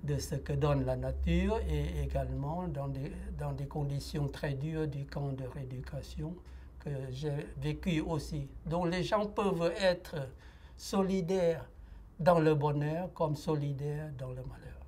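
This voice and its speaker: Slow, hesitant man. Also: on the high side, steady tone, darkish tone, a little hiss or hum. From Laos. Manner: hesitant, with frequent pauses and filler sounds. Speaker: interviewee giving a personal testimony. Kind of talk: reflective testimony interview.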